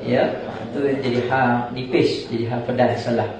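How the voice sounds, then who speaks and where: A man teaching Quran recitation rules, explaining slowly and chanting example verses between jokey asides. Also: medium pitch, level tone, a little mellow, a little hiss or hum. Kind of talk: tajwid class with recited examples. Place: large echoing prayer hall. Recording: echoey hall, mic some distance off.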